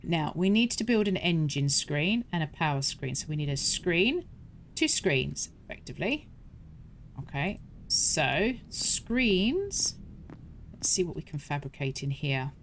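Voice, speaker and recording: A woman's voice: deep voice, sing-song, a little slow, a little hiss or hum. A woman hosting a gaming channel, talking through a survival game step by step in a chatty, self-correcting way. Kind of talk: game walkthrough commentary.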